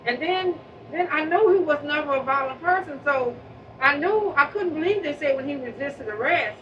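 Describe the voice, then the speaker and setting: A woman from public housing, with a high voice and moderate pace, offers an earnest, emotional remembrance of a neighbor, repeating and restarting words as she goes. It was recorded on a distant mic, leaving the audio muffled with a steady noise underneath.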